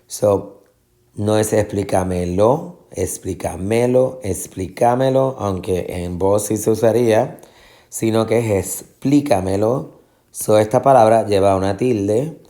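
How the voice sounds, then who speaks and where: A man with a fairly low voice gives a Spanish lesson at an unhurried teacher's pace. He explains patiently and says words over and over, slowly, so the stressed syllable stands out. English fillers slip in between his sentences. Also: warm tone. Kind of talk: classroom lesson.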